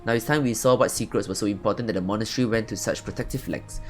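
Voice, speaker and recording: A man's voice: on the low side, very fast, faint music behind, lightly acted. A man reading as a formal scholarly lord. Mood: pleased.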